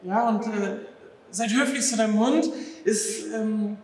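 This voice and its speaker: This thirty-something man, originally from Afghanistan, is a dog behavior therapist being interviewed casually. His voice is high but his pace unhurried, and he stays lively, mimicking what dog owners exclaim. He's indoors in a big, empty, echoing restaurant hall.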